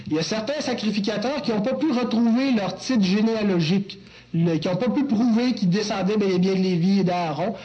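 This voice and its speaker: A man's voice: high-pitched, a little mellow, muffled recording. A man preaching an expository sermon, teacherly with joking asides to the congregation. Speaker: pastor.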